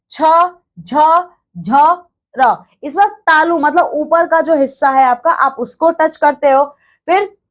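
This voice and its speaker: A woman with a high, light voice takes students through a grammar lesson. She explains each point patiently and often stops to check with "okay". She sounds out letters slowly, one after another. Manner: repeats "okay" and "look", talks straight to students. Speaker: teacher.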